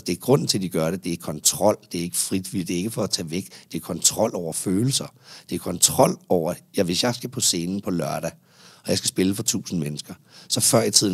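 Deep husky dude, therapist guest on a podcast, lots of restarts, dry close mic. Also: male voice, no echo. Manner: animated, explanatory, frequent restarts. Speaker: psychotherapist guest. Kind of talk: casual podcast conversation.

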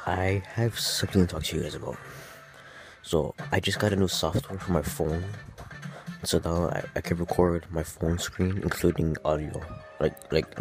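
A man talks casually into a phone held right at his face, in a very low voice with a gravelly edge. He pauses often with ums and restarts his sentences. Music plays clearly behind him in a small room. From Hawaii. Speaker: vlogger. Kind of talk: casual chat to camera. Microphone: phone held close to the face.

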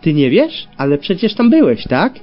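A man voicing a small young female pony who speaks in a soft, hesitant way. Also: sits high, huge pitch swings, moderate pace. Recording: dull lo-fi with faint music.

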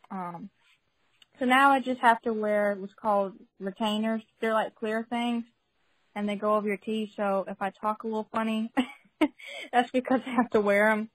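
A woman's voice: medium pitch, no room sound. Young woman, phone call-in testimony, chatty and giggly, dry sound. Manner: chatty and giggly, many fillers and restarts. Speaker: caller sharing a testimony. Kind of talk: casual spoken testimony.

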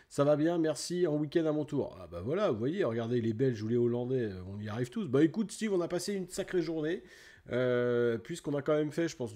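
A middle-aged French man streaming a game, chatting casually with viewers by name and filling pauses with little sound words. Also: medium pitch, warm tone. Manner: chatty, greets viewers by name, fillers like "tac" and "hop là". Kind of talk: casual let's play chat.

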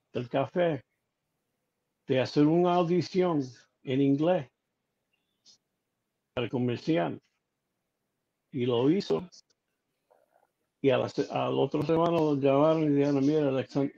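A man talks slowly as an interview guest, his voice a bit high for a man. The sound is dull and lo-fi, as if from a weaker connection. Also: gravelly, warm tone. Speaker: guest musician. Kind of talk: casual interview conversation. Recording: dull lo-fi audio.

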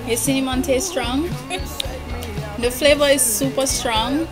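A young woman with a high voice chats at an unhurried, slow pace while eating candy and reacting to the taste. She sounds like a casual challenge host in a bedroom, with music playing behind her. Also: steady tone. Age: young adult. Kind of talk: casual chat. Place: bedroom, indoors. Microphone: camera across a small table. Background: music in the background.

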